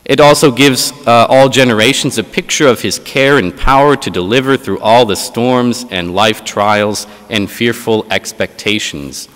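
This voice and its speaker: A man's voice: mid-range voice, measured pace, few pauses, fairly bright tone. A man, a priest, reads the gospel and then preaches a homily with frequent filler sounds, his voice ringing in a large church. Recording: long church reverb.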